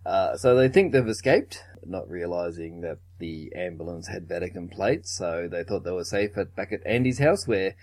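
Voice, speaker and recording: A man's voice: deep voice, expressive, moderate pace, few pauses, darkish tone. A man co-hosting a podcast, casually retelling a film's plot with occasional chuckles. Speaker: podcast co-host. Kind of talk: casual film recap chat.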